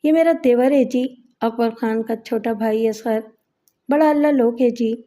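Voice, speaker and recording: A humble village woman from an audiobook, read by a narrator answers in a plain, deferential way. The voice is mellow and fairly high. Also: lightly acted.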